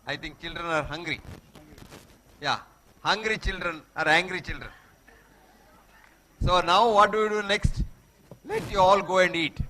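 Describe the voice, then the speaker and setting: A man with a Telugu Indian accent, a guest speaker at a school, gives children a motivational talk, emphatically repeating short maxims and checking that they follow. His high-pitched voice is bright and forceful, a little slow with long pauses. The rough recording carries a slight hiss or hum.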